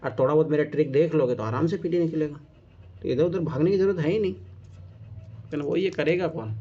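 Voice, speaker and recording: Emphatic coaching teacher, slightly high. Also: male voice, quick pace, warm tone, slightly rough. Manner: emphatic and repetitive, keeps saying "look now"; chatty, teases students. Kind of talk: casual exam-coaching class. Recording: dull lo-fi recording.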